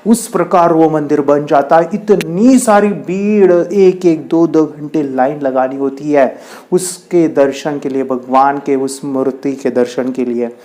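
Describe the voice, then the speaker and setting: A man's voice: mid-range voice, fairly even intonation, a little slow, a little mellow. A man coaching a meditation practice, telling a motivational story emphatically, with lots of repetition. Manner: emphatic, repetitive, counting things off. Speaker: meditation and mind power coach.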